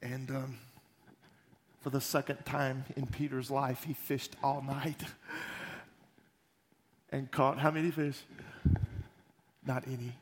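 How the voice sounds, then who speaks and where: Man preaching with animated storytelling. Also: mid-range voice, slow, long pauses, slight background noise. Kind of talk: sermon storytelling.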